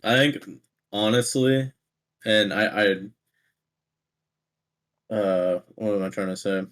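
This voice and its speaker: Low-voiced man rambling on a podcast. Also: takes it slowly, fairly bright tone, smooth. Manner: rambling, restarts often, laughs easily. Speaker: podcast co-host. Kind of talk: casual chat.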